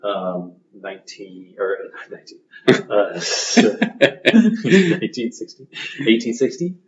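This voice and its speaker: Low-voiced man in his thirties, halting. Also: very animated, a little hiss or hum. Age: 30s. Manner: halting, with many ums and restarts. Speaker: guest. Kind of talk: casual podcast chat. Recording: roomy, muffled podcast audio.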